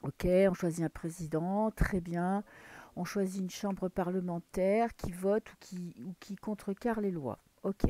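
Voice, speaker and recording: With a mellow, steady voice on the low side and a measured pace, a French tarot card reader gives a casual reading to camera. She reflects aloud while drawing cards and at times drops to a whisper.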